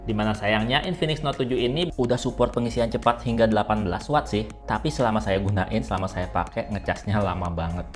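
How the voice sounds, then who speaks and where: A man's voice: on the low side, fast, hardly any pauses. Casual man reviewing tech over music. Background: background music.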